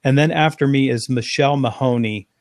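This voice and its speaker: A man, a guest on an interview, telling an animated anecdote in long run-on phrases. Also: medium pitch, brisk, no room sound, studio quality. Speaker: interview guest, sales speaker. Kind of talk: conversational storytelling.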